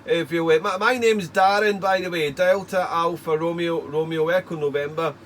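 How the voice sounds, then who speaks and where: A man's voice: on the high side, moderate pace. A man working as an amateur radio operator chats casually with call signs, rambling in a stop-start way and repeating words. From United Kingdom. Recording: faint steady background noise.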